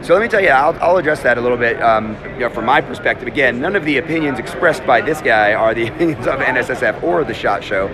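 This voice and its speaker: A man in his fifties rattles through a live walk-and-talk vlog, cutting himself off and starting over as he goes. He holds his phone out at arm's length inside a huge indoor trade show hall. A loud crowd hums around him. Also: medium pitch, lively intonation. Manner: fast, chatty, self-interrupting. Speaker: host. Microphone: phone held at arm's length. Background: crowd chatter.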